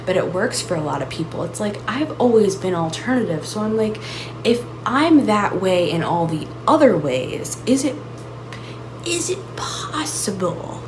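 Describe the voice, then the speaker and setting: A woman's voice: medium pitch, big pitch swings, measured pace. A woman hosting her own channel, musing aloud in a searching, reflective solo monologue full of restarts and "like"s. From United States. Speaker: channel host. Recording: audible background noise.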